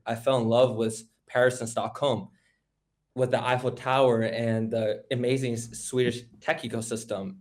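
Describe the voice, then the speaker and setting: A man, telling eager, quick stories as a guest on a casual interview show. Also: mid-range voice. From California. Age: teens. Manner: eager, fast storytelling. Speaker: guest, hackathon organizer.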